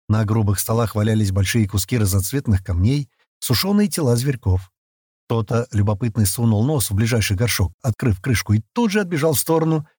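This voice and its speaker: Male audiobook narrator, husky voice, animated pitch, expressive storytelling. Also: no room sound, clean studio sound. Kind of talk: scripted narration.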